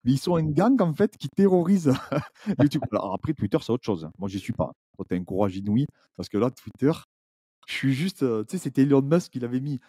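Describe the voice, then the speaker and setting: Male podcast guest, YouTuber; very dark, breathy-edged voice, dry close sound, animated storyteller. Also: mid-range voice, a little fast, no room sound. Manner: animated storytelling with many restarts. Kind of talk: casual podcast chat.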